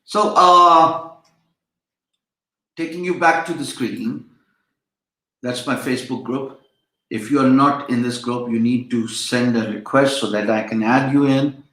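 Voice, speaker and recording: An online freelancing instructor, a man whose first language is Urdu, lectures on a casual live stream in an echoey room. His mid-range voice has a sharp tone, and he's unhurried, pausing often. His chatty, rambling delivery is full of fillers and restarts.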